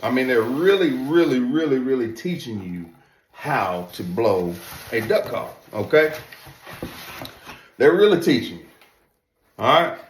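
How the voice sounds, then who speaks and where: A man with a medium-pitched voice and lively intonation talks a little slowly with long pauses, reviewing duck calls in a casual product demo. His delivery is emphatic, folksy and repetitive, and the recording has a roomy echo plus a slight hiss or hum.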